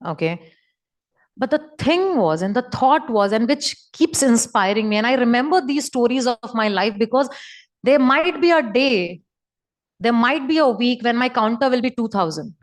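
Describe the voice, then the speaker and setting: Brief: middle-aged Indian woman, fairly high voice, emphatic motivational coach on a video call, repeats herself for impact. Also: lively intonation, moderate pace. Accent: Indian English. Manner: emphatic, repetitive, coaching tone, drops into Hindi phrases. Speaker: direct-selling team leader speaking to her network.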